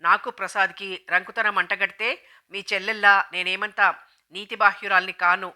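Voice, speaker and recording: A frightened young wife pleads and protests against her husband's accusations in this storybook reading. A woman narrating the novel voices her. The voice is bright and sharp, with a desperate edge. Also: medium pitch, fairly even intonation, normal speed. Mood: pleading. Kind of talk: audiobook dialogue reading.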